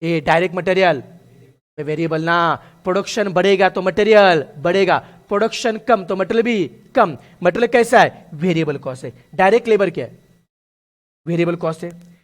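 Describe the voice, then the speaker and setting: A man's voice: sits high, moderate pace. A male costing teacher giving a lecture, explaining with stories and quizzing his students, whom he calls "beta". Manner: lively, asks students questions, calls them "beta". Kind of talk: classroom lecture with story examples.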